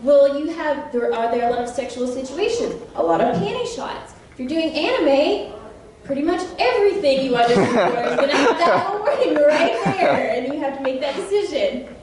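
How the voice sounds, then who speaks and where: A woman voice actress on a convention panel, chatty and animated, laughing often and quizzing the audience. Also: high voice, fairly quick, crowd noise. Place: large convention panel room. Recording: very echoey hall from a distance.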